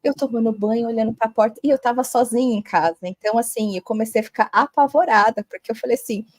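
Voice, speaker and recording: A woman's voice: on the high side, quick pace, darkish tone, no echo. A woman, a holistic therapist, telling a long personal story as a podcast guest, chatty and full of tag questions.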